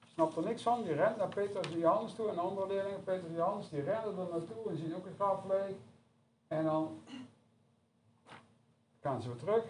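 Guy preaching, kinda high voice, talks loose with lots of uhs, roomy echo from far away. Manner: conversational, with frequent hesitations. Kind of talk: sermon. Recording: echoey room from far off, noisy.

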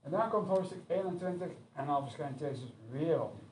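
A man's voice: fairly high pitch, lively intonation, fairly quick, a little mellow. A man preaching a sermon in a conversational, hesitant way, recorded from far off in an echoey church hall. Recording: echoey room from far off, noisy.

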